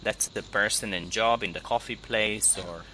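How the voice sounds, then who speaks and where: A man's voice: on the low side, steady tone, normal speed, noisy background. A man teaching an online English speaking lesson, patiently correcting and repeating words for his student. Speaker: English tutor. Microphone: video call.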